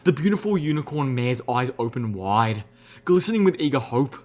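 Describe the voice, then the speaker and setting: A young adult man reading a story aloud as an audiobook narrator, steady and expressive. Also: mid-range voice, normal speed. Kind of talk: scripted narration.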